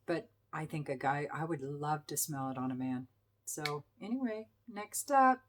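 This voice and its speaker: Middle-aged woman, slightly low voice, casual enthusiastic review host. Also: expressive, normal speed, a little hiss or hum. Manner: chatty, enthusiastic, with fillers and self-corrections. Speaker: perfume reviewer.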